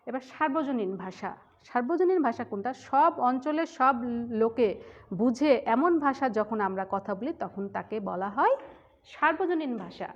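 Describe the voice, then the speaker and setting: A woman's voice: a little high, animated, normal speed. A woman from the Khulna region teaching a school grammar lesson, who explains step by step, repeats key points and asks her class questions. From Khulna region of Bangladesh. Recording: dull, muffled lo-fi sound.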